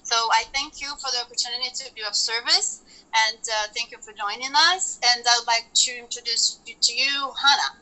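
A woman in her thirties from Brazil, presenting her company on a video call in a loose, halting way with many fillers. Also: a little high, bright, forceful tone, poor audio. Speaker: company founder presenting to members. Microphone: laptop mic on a video call.

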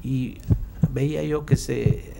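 A man with a Mexican accent, a radio sound effects artist, tells anecdotes casually in an interview, speaking slowly in a steady, mid-range voice. He's colloquial and acts out remembered dialogue. Clear background noise runs through the recording.

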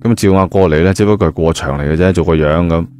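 The narrator is a fast-talking man whose voice sits low and has a darkish tone. With a Cantonese accent, he relates a novel in an easygoing, conversational style rich in spoken particles, and music underscores the recording.

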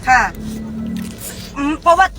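A woman's voice: takes it slowly, pushed and bright, soft background music. A woman voicing a naive, chatty rural woman with a Khmer accent, repeating herself and playing confused on a prank phone conversation. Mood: protesting. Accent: Khmer-accented Thai. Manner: repetitive, rambling, playing confused.

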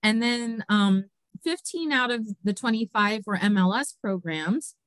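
A woman's voice: mid-range voice, expressive, unhurried, dry recording. Woman host going over quiz scores, lots of ums, dry sound, no room. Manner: chatty, many fillers, laughs often. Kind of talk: casual presentation of competition results.

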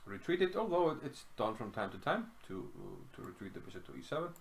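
A middle-aged Icelandic chess commentator talks casually through a game in a small room at home, thinking aloud with plenty of fillers. His medium-pitched voice swings widely in pitch, and he talks fast. There's slight background noise.

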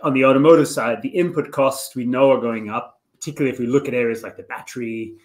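A man interviewing an industry expert, asking measured, reflective questions with some hesitant restarts. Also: medium pitch, steady tone.

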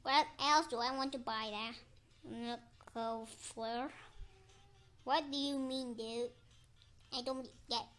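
A woman with giving excited gameplay commentary, chanting and cheering as she plays. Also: fairly high pitch, slow pace, long pauses. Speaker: gameplay streamer.

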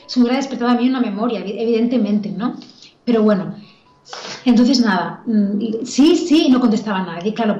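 A woman's voice: a little high, warm tone. Chatty woman, echoey and dull. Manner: chatty, laughing, self-interrupting storyteller. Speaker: spiritual teacher. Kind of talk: casual spoken teaching.

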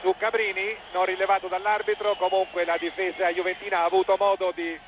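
A man's voice: high-pitched, little pitch movement, fairly quick, fairly bright tone, slight background noise. An Italian man giving live football match commentary in clipped phrases, rising with the play, on an old television broadcast.

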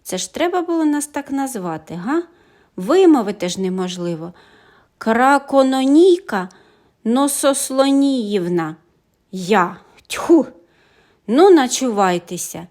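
A woman voicing a mischievous little female dragon who leads a gang of dragonlings in a storybook audiobook, with teasing giggles and drawn-out threats. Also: medium pitch, big pitch swings, a little mellow, close to an everyday voice. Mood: threatening. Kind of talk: audiobook fairy tale reading.

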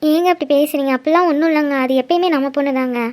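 A woman's voice: high-pitched, rapid-fire, close to an everyday voice. A woman voicing a caring wife and mother in a cartoon, reassuring her husband. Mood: comforting. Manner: soothing, reassuring. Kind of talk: cartoon voice acting.

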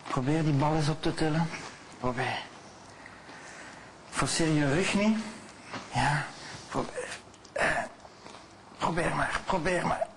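Male stage hypnotist, soothing repetitive patter, noisy studio sound. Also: fairly high pitch. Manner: slow soothing repetitive suggestions, often hushed.

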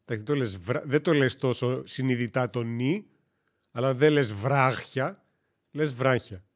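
Give me a man from Greece, mid-pitched, chatting loosely to his stream viewers, joking and wandering off track. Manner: rambling, joking, self-correcting storyteller. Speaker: gaming live-streamer. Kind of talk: casual live-stream chat.

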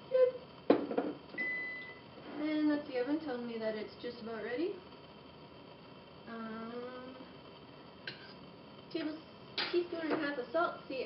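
A young woman narrating a casual cooking demonstration in her home kitchen, chatting and making playful asides as she works. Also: on the high side. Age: young adult. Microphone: camera across the room. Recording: roomy, distant, dull home video audio with background hiss.

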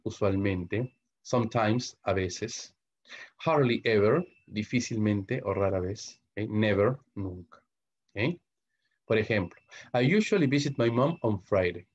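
A man with a Peruvian Spanish accent explains English grammar in a low voice, tagging nearly every phrase with "¿ok?" or "¿no?". He spells letters out one by one and translates every example. The sound is muffled, like a lo-fi online class recording. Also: a little mellow, husky. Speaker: English teacher.

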